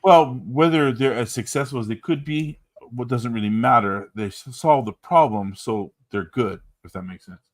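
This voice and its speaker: A man's voice: mid-range voice, moderate pace, dry recording. A man co-hosting a casual art stream, talking about coloring with dry sarcastic humor on a desk microphone. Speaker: co-host and colorist.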